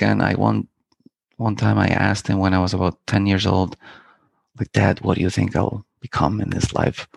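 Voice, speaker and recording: This middle-aged Icelandic filmmaker, appearing as an interview guest, speaks reflectively in a meandering, poetic way full of fillers and restarts. His voice is lowish with vocal fry, and there's no room sound.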